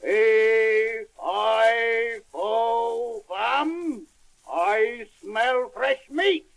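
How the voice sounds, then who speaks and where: A man putting on a slow booming giant. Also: gravelly, a bit bright, heavily acted. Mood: menacing. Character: huge cruel man-eating male giant. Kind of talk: storybook reading.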